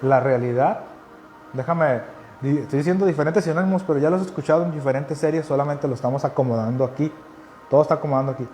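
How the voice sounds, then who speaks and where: A man's voice: fairly high pitch, quick pace, a little mellow, faint music behind. A man preaching a sermon in an earnest, conversational way, repeating key phrases for emphasis. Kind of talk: sermon teaching.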